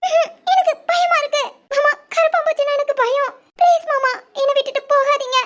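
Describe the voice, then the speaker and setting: A woman voicing a playful, teasing young bride in an animated village family story, with a southern Tamil Nadu accent and a giggly, squealing way of talking. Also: very high-pitched, normal speed, a little hiss or hum. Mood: frightened.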